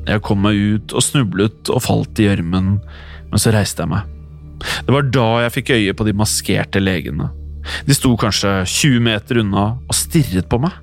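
A man reading a scripted first-person horror story in a tense, suspenseful way. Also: lowish voice. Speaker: narrator. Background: faint music.

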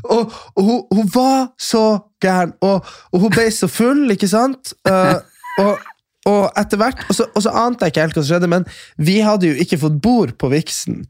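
A man co-hosting a podcast, telling a story in an excitable, giggly way with lots of fillers, on a close mic. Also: high-pitched, no room sound. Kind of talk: casual storytelling chat.

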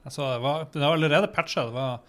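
A man's voice: on the high side, a bit bright. A man with a Northern Norwegian accent chatting casually as a podcast co-host. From Northern Norway. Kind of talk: casual chat.

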